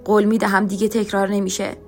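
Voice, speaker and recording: A woman's voice: medium pitch, little pitch movement, darkish tone, soft background music, natural voice. A woman voicing a frightened young son who speaks with a trembling, pleading voice, in an audiobook story.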